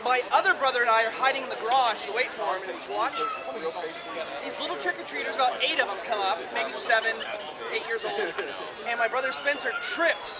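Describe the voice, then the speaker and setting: A man with a strikingly high voice works an outdoor festival crowd as a comic host. He jokes and banters loudly. Heavy crowd noise surrounds him. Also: a little fast. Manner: energetic, joking, loud banter. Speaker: comedy performer and pub crawl host. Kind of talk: comic storytelling and crowd hosting.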